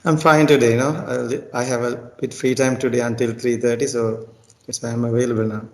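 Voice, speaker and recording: Man from sri lanka, halting casual chat, repeats himself, mid pitch. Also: flat delivery, a little mellow. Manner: hesitant, repeats words and restarts often. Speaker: tutor and teacher. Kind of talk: casual chat, English speaking practice.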